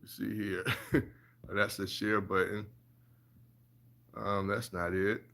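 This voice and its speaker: Bright-voiced man coaching on a live stream. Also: fairly low pitch, flat delivery, slow, gravelly. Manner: encouraging, repeats "all right" and "you guys". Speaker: passive income coach. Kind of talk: casual live stream talk.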